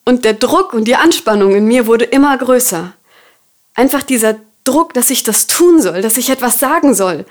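Higher-voiced woman telling an earnest faith story. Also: animated, moderate pace. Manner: earnest, softly confiding storytelling. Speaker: podcast host. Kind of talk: personal faith story and reflection.

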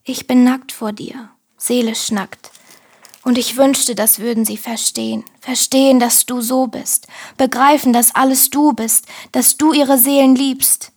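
A woman reciting devotional spoken-word poetry, slow and intimate, often sinking into whispers. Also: high-pitched, steady tone, darkish tone. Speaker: poet reciting devotional verse.

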